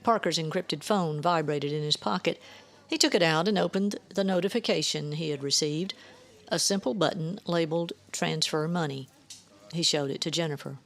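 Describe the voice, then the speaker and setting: A woman author narrating her own story in a measured, even reading. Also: deep voice.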